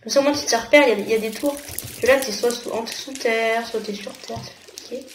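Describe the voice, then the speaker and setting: A young woman with a French accent giving casual gameplay commentary, thinking aloud with quick exclamations. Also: a little high, fairly even intonation. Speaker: gamer. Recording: echoey room with noticeable noise.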